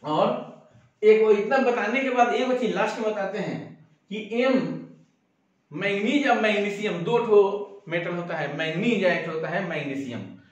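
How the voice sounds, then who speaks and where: A man's voice: high-pitched, unhurried. A male school teacher giving a classroom lecture in a folksy, colloquial way, full of village sayings and memory tricks. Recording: echoey, distant, dull lo-fi classroom recording.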